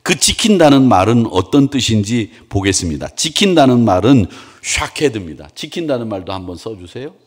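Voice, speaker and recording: A middle-aged male pastor gives a midweek sermon in a church. His pitch rises and falls in a lively way as he questions the congregation and coaxes answers from them. The delivery stays chatty and teacherly rather than formal. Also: brisk, hardly any pauses, husky. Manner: conversational, quizzes the congregation and has them repeat words. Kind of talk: Wednesday sermon. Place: church sanctuary.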